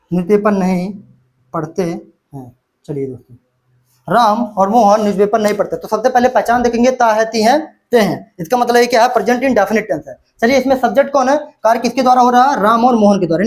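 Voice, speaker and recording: A man teaching a grammar lesson, who keeps asking questions and answering them himself and repeats key words. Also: high-pitched. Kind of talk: classroom-style grammar lesson.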